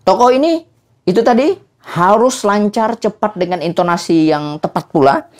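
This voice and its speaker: A man's voice: sits high, moderate pace. Guy explaining folk theater, bouncy intonation, lots of eh's. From South Kalimantan, Indonesia. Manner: lively intonation, frequent "eh" fillers. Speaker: cultural presenter. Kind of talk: explanatory talk on traditional theater.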